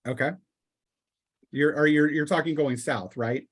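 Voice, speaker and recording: This game master's voice leans high and carries a breathy edge. He's a man narrating a tabletop roleplaying game, improvising with a halting delivery full of mid-sentence pauses.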